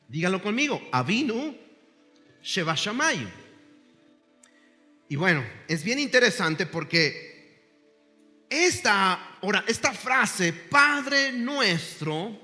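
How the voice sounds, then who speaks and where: Male pastor, sermon delivery, high bright voice, emphatic, reverberant space with soft music. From Mexico. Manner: emphatic preaching, asks the congregation to repeat words. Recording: long reverb with faint music.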